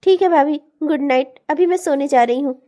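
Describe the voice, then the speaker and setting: A woman voicing a talkative married sister-in-law in a cartoon drama, loud and matter-of-fact. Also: high voice, brisk, lightly acted. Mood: chatty.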